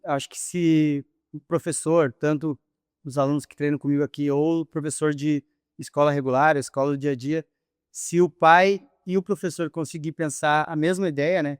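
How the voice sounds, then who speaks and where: A man's voice: a little high, steady tone, normal speed, smooth, dry recording, studio quality. A man, a physical education teacher, answering interview questions in a thoughtful, hesitant way with many fillers.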